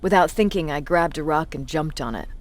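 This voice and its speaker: A woman plays a battle-hardened resistance commander in a video game, blunt and authoritative, in a wry, reminiscing mood. She uses her natural, deep voice and speaks fairly quickly.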